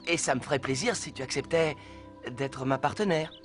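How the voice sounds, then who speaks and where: A man voicing a shy, gentle teenage boy in a cartoon dub, hesitant and soft-spoken. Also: medium pitch, moderate pace, music in the background, natural voice.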